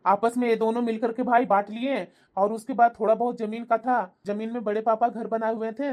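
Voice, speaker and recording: A woman voicing a young, easygoing husband in a cartoon who calms his wife down and explains. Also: a little high, close to an everyday voice. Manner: calming, easygoing. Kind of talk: animated cartoon voice acting.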